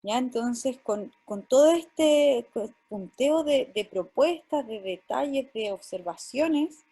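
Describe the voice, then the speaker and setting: Chilean woman hosting an online panel on a call, kinda high voice, lots of ehs. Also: lively intonation, takes it slowly, mellow, husky. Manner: hesitant, many fillers and restarts. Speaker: moderator.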